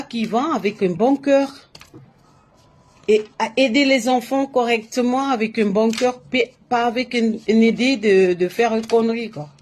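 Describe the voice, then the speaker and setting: This Latin American woman, whose voice sits on the high side and is a little mellow, gives spiritual advice in French during a casual live stream. Her monologue is emphatic and repetitive, packed with restarts and fillers.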